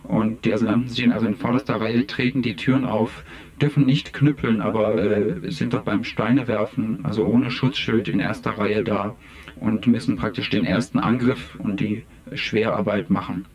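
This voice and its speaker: A disguised deep voice, low and gravelly, as a man puts on an anonymous police union insider. He talks in a halting way, full of hesitant fillers, in a satirical radio interview. A crowd murmurs in the background. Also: steady tone.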